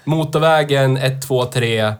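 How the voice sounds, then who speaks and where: Podcast guy, jokey and opinionated, faint hiss behind. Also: medium pitch. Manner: joking, opinionated. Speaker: podcast co-host. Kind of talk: casual chat.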